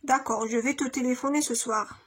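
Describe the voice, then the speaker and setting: A woman with a Moroccan accent teaching a grammar lesson, explaining in one language and repeating in Moroccan Arabic, slowing down to dictate. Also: sits high, steady tone, fairly bright tone, slightly rough.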